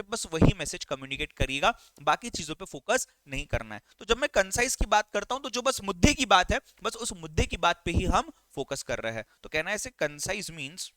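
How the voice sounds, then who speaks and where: A male teacher with a high, bright voice that swings widely as he lectures. He checks in with his listeners often, asking whether they follow. It is recorded close and dry, with no room sound. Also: dry recording, low-quality recording. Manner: animated, keeps checking understanding with quick questions.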